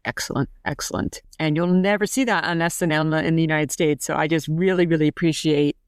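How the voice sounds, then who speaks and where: Forties woman co-host, gushing casual chat, smooth clear tone, dry close mic. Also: low voice, fairly even intonation, fairly quick, dry recording. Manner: gushing and rambling, many fillers. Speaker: podcast co-host.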